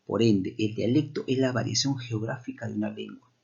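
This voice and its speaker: A man's voice: lowish voice, fairly quick, creaky, a little mellow, husky, lo-fi sound. A man teaches a language class, explaining step by step and often checking in with rhetorical questions.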